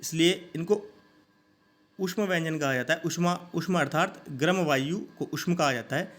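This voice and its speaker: A man teaching a grammar lesson, saying each sound slowly and asking listeners to repeat it. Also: a little high, a bit bright.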